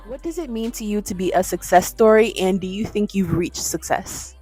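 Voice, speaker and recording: A woman's voice: mid-range voice, moderate pace, darkish tone, husky, soft background music. A woman interviewing a guest casually, often finishing the guest's sentences for her.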